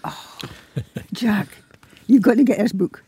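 Scottish woman host, broad accent, mellow voice. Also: mid-range voice, takes it slowly, breathy edge. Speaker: radio show host. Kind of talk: casual interview chat.

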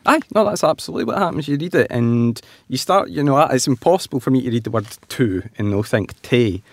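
A man's voice: mid-range voice, expressive, a little fast, dry recording. A man from Scotland with a broad Scottish accent and Scots words, chatting casually as an interview guest. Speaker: guest author and translator of children's books.

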